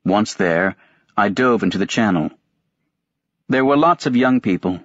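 A man narrating a first-person novel as a sleep audiobook, in an even, unhurried reading voice. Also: fairly low pitch, no echo. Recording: dry, dull-sounding recording.

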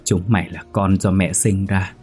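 A man voicing a frail elderly mother, high and anguished, in an audio horror story. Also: flat delivery, moderate pace, darkish tone, slightly rough, faint music behind. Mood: bitter. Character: frail elderly mother, shrill, grieving and furious.

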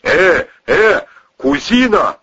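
Hot-headed brawny cousin, yelling and cursing, voiced by a male narrator, husky, lo-fi audiobook. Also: high-pitched, big pitch swings, very slow, voice pushed up, heavily acted. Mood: outraged alarm. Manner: bellowing and cursing. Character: burly hot-tempered male cousin, brash and panicky. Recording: muffled lo-fi recording.

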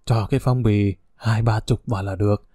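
Frail bedridden old woman, read by a male narrator: weak murmur, low and soft, dry close sound. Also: steady tone, normal speed, husky, no room sound. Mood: weary. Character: frail old woman, sick in a hospital bed.

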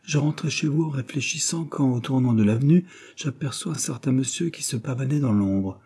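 A man's voice: mid-range voice, brisk, mellow, slightly rough. A man voicing an angry, gossiping working-class landlady who scolds indignantly, in an audiobook reading. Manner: indignant, scolding, breathless storytelling.

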